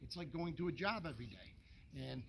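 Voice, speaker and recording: A man's voice: medium pitch, sing-song, moderate pace, creaky, heavy background noise. A man training dogs, explaining behavior to an owner in a folksy way, using homely analogies and checking in with "okay?". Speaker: dog trainer. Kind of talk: casual instruction to a dog owner.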